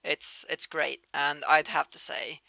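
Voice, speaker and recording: A man's voice: fairly high pitch, slow, creaky, no echo. Young Norwegian man answering viewer questions. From Norway. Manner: chatty, restarts phrases, lively shifts in loudness. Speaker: YouTube channel host. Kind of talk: casual Q&A monologue.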